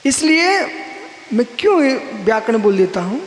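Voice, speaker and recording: A man's voice: very high voice, very animated, normal speed. A man, a Jain monk, giving a sermon and explaining word roots, asking and answering his own questions. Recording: roomy hall echo with faint hiss.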